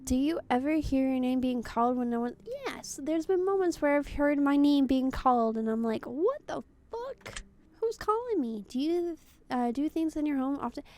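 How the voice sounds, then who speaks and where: A woman's voice: sits high, normal speed, few pauses, warm tone. A young woman streaming a game, chatting casually, bluntly and with free swearing as she answers questions. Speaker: VTuber streamer. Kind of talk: casual gameplay commentary.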